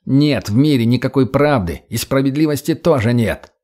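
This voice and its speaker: A man voicing a gruff, brutal older male fighter with a curt, coarse, weary way of talking in an audiobook. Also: mid-range voice, normal speed, a little mellow, lightly acted. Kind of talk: audiobook character voice.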